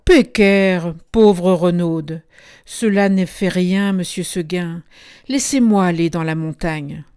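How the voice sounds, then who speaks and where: A woman voicing a headstrong young female goat in a storybook reading, soft and pleading but stubbornly polite. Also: fairly low pitch, takes it slowly, clean tone.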